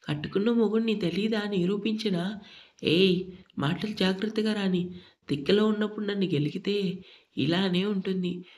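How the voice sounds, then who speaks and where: A woman's voice: medium pitch, moderate pace, a little mellow, natural voice. A woman voicing a short-tempered, possessive young husband with a harsh, threatening manner in a read-aloud story.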